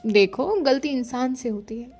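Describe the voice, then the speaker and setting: A playful young woman who teases and pleads in jest, as a woman reading the story puts her on. The voice sits high and sounds mellow rather than sharp. It is a storybook read-aloud, with faint music behind it. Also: lively intonation, measured pace, heavily acted. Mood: teasing. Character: playful teasing young woman, joking and dodging.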